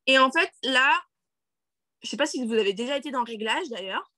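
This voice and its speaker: Speaking fairly quickly with lively intonation, a woman with a high, bright, forceful voice leads a screen-share tutorial on a video call; the sound has no echo. She's a network marketing team leader, chatty and filler-heavy, restarting often, checking in with "d'accord?", and poking fun at her own English.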